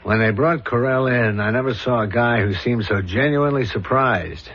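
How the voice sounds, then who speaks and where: Heard on a dull, aged recording, a man portrays an earnest homicide inspector in a 1970s radio drama, dogged, serious, deliberate and probing. He speaks in a natural, mid-range voice, pondering and determined.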